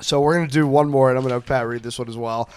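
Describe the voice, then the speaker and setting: A man's voice: medium pitch, racing, clear, resonant tone. A man hosting a comedy podcast, chatting casually and laughing a lot. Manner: laughing, animated, jokey. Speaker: podcast host.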